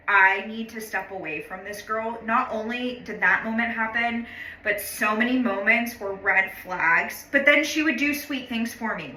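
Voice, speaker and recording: A woman's voice: on the high side, pushed and bright. A woman telling a personal story in a chatty, casual way, full of "like" and swearing, blunt and exasperated about people. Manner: chatty, heavy use of "like", frequent swearing; blunt and exasperated when describing others. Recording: roomy echo.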